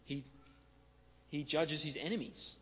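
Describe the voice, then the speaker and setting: A man preaching an expository sermon in a relaxed, conversational way, often saying "kinda" and repeating words for emphasis. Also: on the high side, unhurried, slightly rough. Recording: long reverb of a large hall.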